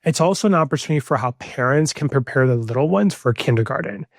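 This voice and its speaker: A young adult man, a native Spanish speaker, hosts a solo podcast in a fairly high, creaky voice, talking fast and animatedly. He is earnest and emphatic, repeating key points, and the studio-quality audio has no room sound.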